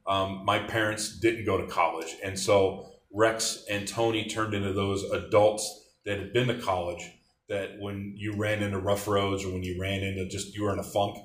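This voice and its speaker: A man's voice: lowish voice, flat delivery, moderate pace, a bit bright, far from the mic, slight background noise. A middle-aged man reminiscing casually about college days, telling long rambling stories with many restarts. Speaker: interviewee, former athletic trainer. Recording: roomy echo.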